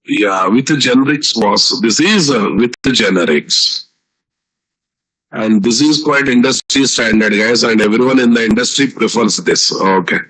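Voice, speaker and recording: A man's voice: medium pitch, normal speed, fairly bright tone, poor audio. A man with an Indian Telugu accent giving a live online programming lecture as a teacher, repeating phrases and often checking with students through questions.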